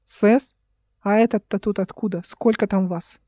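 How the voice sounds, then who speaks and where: A woman's voice: mid-range voice, fairly even intonation, unhurried, dark tone, no room sound, clean studio sound, natural voice. A woman voicing a stern captive noblewoman who speaks curtly and commandingly. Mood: sharp. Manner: curt, commanding. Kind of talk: audiobook character voice.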